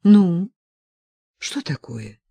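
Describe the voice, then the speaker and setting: A woman's voice: on the low side, very animated, very slow, gravelly, dark tone, slightly rough, dry recording, full character voice. A woman reading the part of a worried middle-aged mother who pleads anxiously with her daughter.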